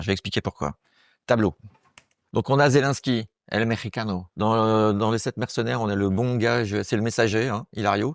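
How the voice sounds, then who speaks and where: A man delivering a rambling, slangy comic monologue to camera, crude and excitable, dropping into quick voices. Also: lowish voice, no echo, clean studio sound. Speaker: comedic monologue host. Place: small room, close to camera.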